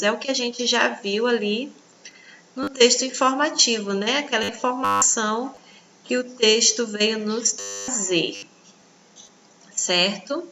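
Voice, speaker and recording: A Brazilian Portuguese woman teaching children in a recorded online lesson, slow and patient, pointing things out on the page. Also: on the high side, pushed and bright, highs cut off, slight background noise. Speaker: primary school teacher.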